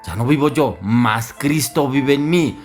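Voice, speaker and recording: A man's voice: mid-range voice, expressive, measured pace, soft background music. A man preaching a sermon, earnest and firing off rhetorical questions.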